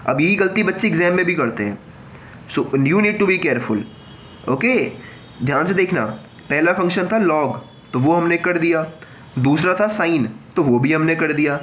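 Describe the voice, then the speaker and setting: A male math teacher walks students through a problem slowly and deliberately, speaking a touch higher than most men. He talks to them as children, asks a question and answers it himself. There is a faint hiss behind him. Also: animated, a bit bright. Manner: explains step by step, mixing Hindi and English. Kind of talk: whiteboard math lesson.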